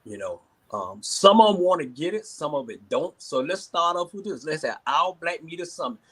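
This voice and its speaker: A man's voice: a little high, animated, normal speed, a bit bright, breathy edge. A man in his sixties with a Southern American accent speaking informally as a panelist in a casual discussion, often repeating his phrases. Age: 60s.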